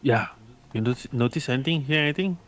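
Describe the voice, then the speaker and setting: A man's voice: medium pitch, fast talker. A man playing a tabletop game, giving brief, laid-back replies. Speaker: player. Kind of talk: casual tabletop game chat.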